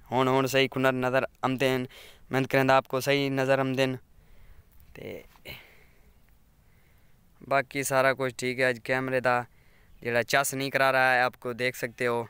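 A man with a Saraiki accent chats as he walks his fields and films on a phone. His voice is bright and very clear, and he keeps an even, level tone. The close sound is dry, with no room echo. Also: medium pitch, measured pace, long pauses. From Pakistan. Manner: rambling, chatty, keeps asking viewers to subscribe. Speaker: village vlogger. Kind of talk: casual walking vlog. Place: outdoors among farm fields. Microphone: phone camera.

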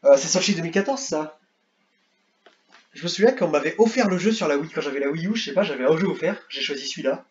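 Young man, casual gaming commentator; rambly, excitable, muffled home recording. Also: on the high side, fast talker. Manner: rambling, repeats words, excitable bursts. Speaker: gaming youtuber. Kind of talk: casual tier-list commentary.

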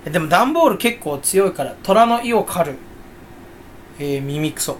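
A man rambles through a casual solo talk, jokey and self-mocking. His pitch jumps up and down a lot as he rambles. He talks as a channel host with no one else there. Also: expressive, normal speed, slight background noise.

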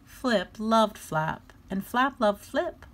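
Slow, expressive woman reading to children. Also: medium pitch. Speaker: storybook reader. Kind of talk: children's story read-aloud.

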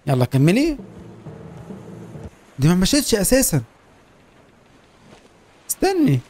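Excitable young Egyptian gamer. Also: male voice, sits high, a little slow. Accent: Egyptian Arabic. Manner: excitable, joking, urging his character on. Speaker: gaming YouTuber. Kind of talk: Let's Play commentary.

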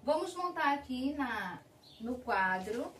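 Slow, sing-song Brazilian preschool teacher. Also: female voice, high voice, sing-song, a bit bright, roomy sound, distant mic, a little hiss or hum. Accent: Brazilian Portuguese. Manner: slow, drawn-out syllables for small children. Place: school classroom.

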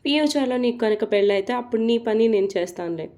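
A gentle young woman boss who speaks softly through her tears in a spoken storybook, voiced by a woman narrator. Her voice is mellow and fairly high. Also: animated, fast, close to an everyday voice. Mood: tearful.

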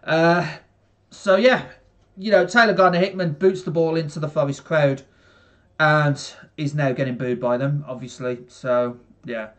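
A man's voice: on the high side, fairly even intonation, measured pace. A young man from England commentating casually on a football match for a live stream, rambling with many fillers and talking to viewers in the chat from his bedroom on a headset. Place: small bedroom.

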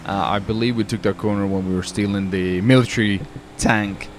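A man's voice: lowish voice, steady tone, brisk, a little hiss or hum. A young man from the UK chatting casually while roleplaying in a driving game, rambling and saying "dude" a lot. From United Kingdom. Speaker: roleplay streamer.

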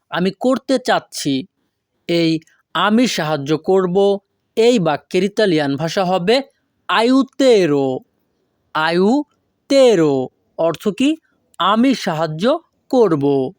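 Patient online tutor, unhurried and methodical, recorded dry and close. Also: mid-range voice, no echo. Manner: deliberate, repeats each foreign phrase slowly, asks and answers own questions. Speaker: language teacher. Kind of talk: online language lesson.

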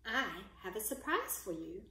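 A woman voicing an excited young male rabbit in a storybook read-aloud, high and bouncy. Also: measured pace, creaky, roomy sound, slight background noise, exaggerated voice. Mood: eager.

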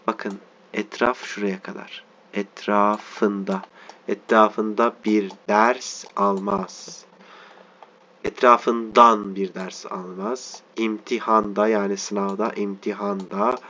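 Low-voiced guy teaching a reading class, goes word by word, kinda dull lo-fi sound. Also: a bit bright. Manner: reads word by word, stops often to spell out letters and explain meanings. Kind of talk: reading lesson, slow and explanatory.

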